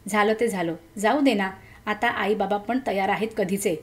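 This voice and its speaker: A woman's voice: mid-range voice, moderate pace, lightly acted. A woman voicing an affectionate young man in a story, soothing and reassuring. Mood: happy.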